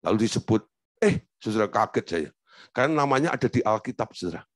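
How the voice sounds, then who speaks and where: A man's voice: on the low side, lively intonation, fast talker, no echo, clean studio sound. A male pastor preaching a sermon, telling a story, acting out quotes and asking the congregation rhetorical questions.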